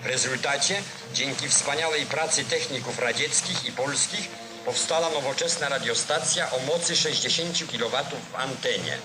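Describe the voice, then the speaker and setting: A man's voice: medium pitch, moderate pace, poor audio. A man narrating a 1940s newsreel in a solemn, declamatory old-style. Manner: solemn, declamatory, formal delivery. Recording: vintage 1940s newsreel soundtrack with music.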